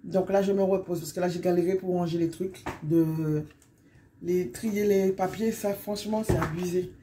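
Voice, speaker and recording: Hoarse chatty middle-aged woman vlogging. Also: fairly low pitch, fairly even intonation, normal speed, dark tone, a little hiss or hum. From Guadeloupe. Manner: chatty and rambling, often sums up with "donc voilà". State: hoarse from illness. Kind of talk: casual vlog chat.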